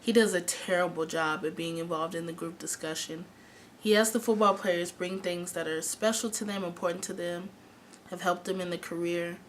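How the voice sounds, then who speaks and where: A woman's voice: fairly low pitch, fairly even intonation, moderate pace. A woman giving an explanatory presentation, as a student presenter would. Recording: faint background noise.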